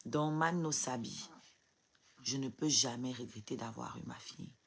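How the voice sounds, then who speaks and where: Husky, tearful woman ranting defiantly. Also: rumbling low, normal speed. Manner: defiant, volleys of rhetorical questions. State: crying. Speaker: live streamer. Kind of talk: emotional live stream rant. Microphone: phone.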